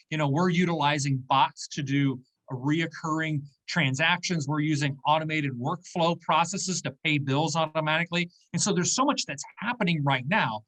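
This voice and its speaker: Poor audio carries a man in his fifties whose voice is on the high side with a fairly bright tone. A business owner guesting on an interview, he explains things in a conversational manner and checks in with "okay?" and "right?".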